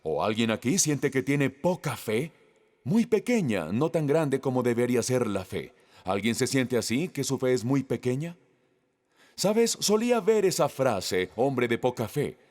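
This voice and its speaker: Man, pastor delivering a sermon; slow, animated delivery; long hall echo. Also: medium pitch. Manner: slow, emphatic preaching with questions to the congregation.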